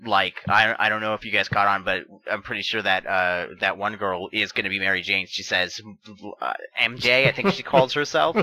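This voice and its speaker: Very bright-voiced enthusiastic man. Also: fairly low pitch, normal speed, hardly any pauses, low-quality recording. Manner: enthusiastic, hedging. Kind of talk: casual chat.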